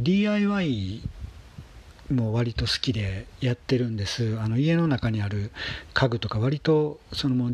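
A man with a breathy, husky voice chatting casually about daily life in a halting, unhurried monologue, phrases trailing off softly. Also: medium pitch, a little hiss or hum.

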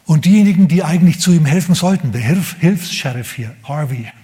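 A male pastor preaching a sermon, telling a story with animated emphasis, repeating words and dropping to whispers. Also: on the high side, brisk.

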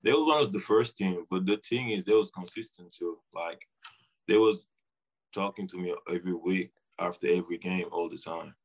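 A man's voice: low voice, normal speed, husky, poor audio. A young man with a Senegalese accent giving short, informal, slangy answers as a guest in a casual interview. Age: young adult. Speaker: interview guest, basketball player.

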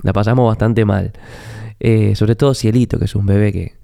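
Rioplatense guy doing a chatty podcast, stuffy nasal flu voice, gravelly, very dry close sound. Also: on the low side, fairly even intonation, moderate pace, mellow, no echo. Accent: Rioplatense Spanish. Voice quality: nasal, congested voice. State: recovering from flu. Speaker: podcast host. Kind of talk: reflective conversational podcast monologue. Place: office.

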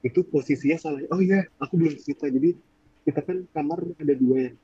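A young man in his twenties tells a ghost story in a relaxed, husky voice. He rambles and hunts for words as he goes. The recording is dry and somewhat dull. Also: fairly high pitch, fast talker, no room sound. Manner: rambling, searches for words, acts out quoted voices. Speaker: podcast storyteller. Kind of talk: casual horror storytelling.

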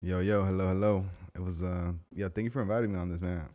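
A man's voice: deep voice, fairly even intonation, fast talker, dark tone. A man in his thirties chatting casually as a podcast guest, laid-back and slangy. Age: 30s. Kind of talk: casual interview chat.

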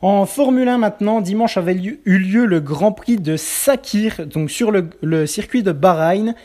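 A man giving a pre-recorded sports news roundup as a weekly columnist, reading steadily with small filler pauses. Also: high voice, mellow. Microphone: pre-recorded segment.

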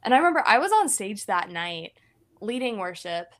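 A woman's voice: medium pitch, very animated, moderate pace, a bit bright. A young woman co-hosting a podcast who leads worship, talking casually with many fillers and frequent laughs. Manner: chatty, lots of fillers, laughs often. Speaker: podcast co-host, worship leader.

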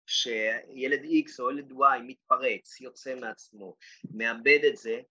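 A man's voice: medium pitch, fairly even intonation, pushed and bright, slightly rough, dry recording, highs cut off. A man who is an educator and podcast co-host, thoughtfully telling classroom stories, often restarting his sentences. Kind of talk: reflective casual chat.

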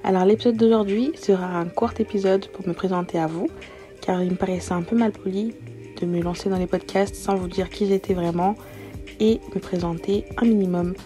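With a steady, dark-toned, mid-range voice and a fairly quick pace, a woman in her early twenties hosts a casual solo podcast over soft background music, answering self-introduction questions. Not a native French speaker, she was born abroad and came to France as a young child, and speaks slangily with some English mixed in.

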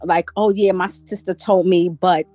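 A woman's voice: on the low side, fairly even intonation, measured pace, mellow, no room sound, faint music behind. A woman from Brooklyn, telling her personal story as a guest with lots of restarts. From Brooklyn, New York. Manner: rambling, many "like" and "you know" restarts.

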